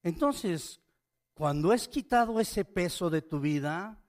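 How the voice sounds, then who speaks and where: A man's voice: sits high, lively intonation, slow. A man preaching a sermon, reading scripture aloud and asking his listeners pointed questions. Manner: asks the listeners questions, reads scripture with rising force.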